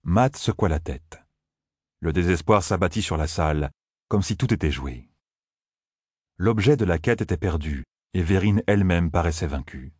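A man narrating a fantasy audiobook in a steady, even storytelling manner. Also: deep voice, moderate pace, slightly rough, dry recording, studio quality. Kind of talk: scripted narration.

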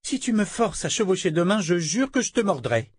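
A man's voice: high-pitched, big pitch swings, fairly quick, breathy edge, no room sound, voice pushed up, exaggerated voice. This is a grumbling, stubborn tribeswoman in an audiobook, as a male reader puts her on. She whines and insists in a lifted voice. The sound is close and dry. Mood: grumpy. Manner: complaining, petulant. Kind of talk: audiobook character voice.

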